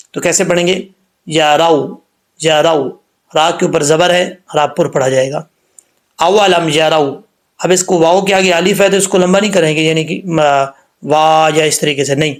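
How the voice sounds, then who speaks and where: Man teaching Quran recitation, slow drawled demos. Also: fairly high pitch. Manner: explains letter by letter, drawls recited words slowly, scolds commenters. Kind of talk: tajweed lesson with slow recitation.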